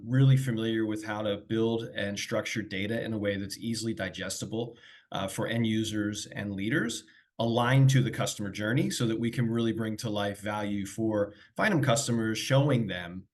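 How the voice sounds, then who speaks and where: Man, business webinar host, lowish voice, energetic and fluent, video-call audio. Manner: energetic, fluent, a few fillers. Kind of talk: corporate webinar presentation.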